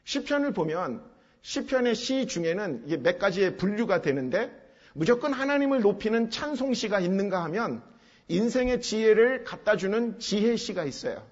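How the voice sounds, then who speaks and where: Pastor guy with a high voice explaining a psalm bit by bit, repeats stuff for emphasis, dull muffled sound. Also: big pitch swings, moderate pace. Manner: explains step by step with emphatic repetition. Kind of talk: expository sermon. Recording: dull sound with long hall reverb.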